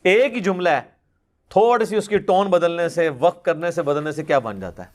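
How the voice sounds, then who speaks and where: A man with a slightly higher-than-usual voice answers religious questions from a questioner. He explains in an easy, conversational manner, patiently building his points through examples. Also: expressive. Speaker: Islamic scholar answering questions.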